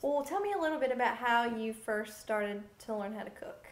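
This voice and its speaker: A woman's voice: a little high, a little fast, roomy sound. A young woman reporter in a large home kitchen, interviewing a guest cook with friendly, curious questions.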